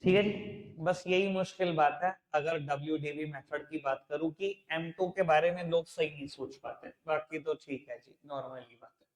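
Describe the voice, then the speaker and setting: A man's voice: on the high side, moderate pace. A man teaching accounts in a live classroom lecture, chatty and familiar with his students, mixing in English terms. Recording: echoey classroom.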